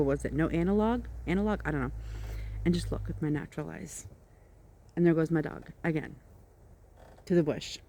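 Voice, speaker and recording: Rambling, chatty middle-aged woman vlogger. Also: lowish voice. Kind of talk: casual chat to viewers. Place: outdoors in the countryside.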